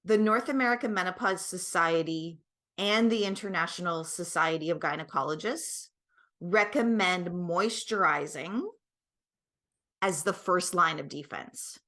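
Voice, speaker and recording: This guest expert and product creator is a middle-aged woman with a lowish, slightly bright voice. She takes her time, explaining conversationally and with emphasis while frequently making sure the listener keeps up.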